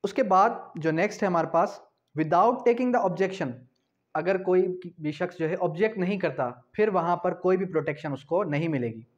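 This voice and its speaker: In a small room with a whiteboard, a young Pakistani man in his twenties with a higher-pitched voice teaches law at a moderate pace. He explains didactically, asking questions and answering them himself, repeating key points and switching into English legal terms. The sound is dull and lo-fi.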